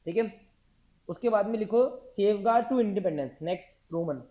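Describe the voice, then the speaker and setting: A man's voice: sits high, a little slow. Man teaching, drilling the class with questions. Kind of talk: classroom lecture, dictating notes. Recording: dull lo-fi classroom recording.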